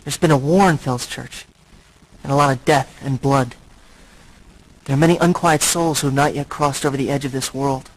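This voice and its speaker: Playing a tormented, noble vampire who has brooded for centuries in a video game, a male actor speaks with grave, halting earnestness and an ominous mood. His medium-pitched, steady voice sounds close to everyday speech, though the recording is rough.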